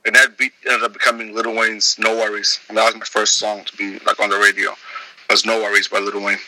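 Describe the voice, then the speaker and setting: Bright-voiced man from Zimbabwe. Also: on the low side, brisk, a little hiss or hum, low-quality recording. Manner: relaxed, rambling with many restarts. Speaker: guest, music producer. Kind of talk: casual interview.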